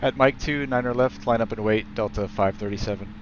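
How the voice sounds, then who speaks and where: A man's voice: fairly low pitch, a little fast, dull audio, noisy background. Man doing pilot headset callouts. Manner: clipped, procedural readbacks in airline phrasing. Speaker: flight simulator streamer flying as airline pilot. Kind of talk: pilot cockpit callouts and radio readbacks over a headset.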